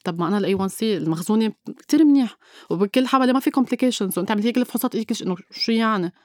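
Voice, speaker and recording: Speaking as an interview guest, a woman with a Lebanese Levantine Arabic accent tells a personal story, emphatically repeating phrases and mixing in English words. Her medium-pitched voice races along with lively intonation, recorded in clean studio sound without echo.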